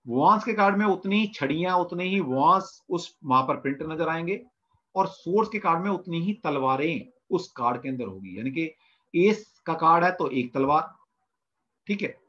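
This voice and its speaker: A man's voice: a little high, expressive, moderate pace, pushed and bright, dull audio. A man teaching tarot in an online class, asking his students questions and answering them himself while repeating the terms. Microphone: video call mic.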